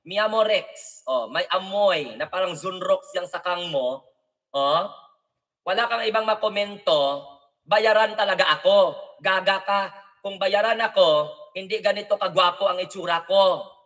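Male vlogger, high sharp voice, sarcastic ranting delivery, sits back from the mic. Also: a little slow, distant mic. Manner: mocking, insulting, sarcastic. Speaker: political commentary vlogger. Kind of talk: angry ranting reaction monologue.

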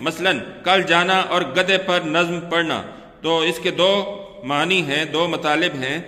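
A man's voice: a little high, fairly even intonation, unhurried, bright, forceful tone. A male Urdu teacher giving a classroom lecture, explaining step by step, repeating key terms and asking the class questions. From Pakistan. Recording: echoey room with long reverb.

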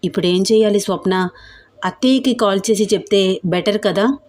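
A woman voicing a gentle, caring young woman who talks with concern. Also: medium pitch, moderate pace, close to an everyday voice. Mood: calm.

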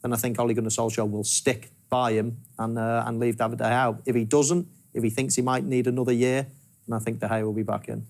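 A man in his forties giving measured football analysis in a TV studio on a lapel mic. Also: medium pitch, flat delivery, darkish tone. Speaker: football pundit. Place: large TV studio.

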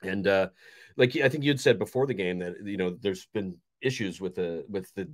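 In a bright indoor bedroom, a forties-aged man who runs a fan channel talks about a match casually and eagerly, in a deep voice at moderate pace. The recording is clean and studio-like without echo, while he rambles and keeps restarting.

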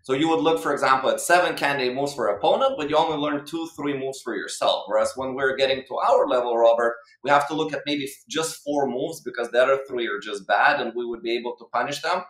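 A man's voice: medium pitch, fast talker, few pauses, fairly bright tone, roomy sound, rough recording. A man in his thirties from Lithuania, giving explanatory interview answers as a guest coach over a video call. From Lithuania or former Soviet region. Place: plain room indoors. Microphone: video call, webcam distance.

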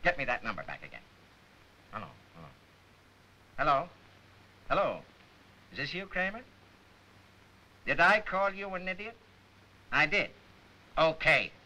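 An actor playing an irascible middle-aged boss with a curt, barking manner, in 1930s film style. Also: male voice, a little high, very animated, measured pace, long pauses, bright, forceful tone, highs cut off, full character voice. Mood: impatient. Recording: hissy 1930 film soundtrack.

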